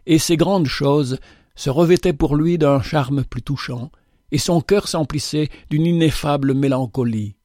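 A man reading a moral tale aloud in a measured, earnest storytelling manner. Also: a little high, darkish tone, no echo, clean studio sound. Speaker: narrator.

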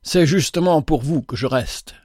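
A man voicing a calm, cordial bishop in an audiobook, speaking gently. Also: on the high side, measured pace, no room sound, studio quality.

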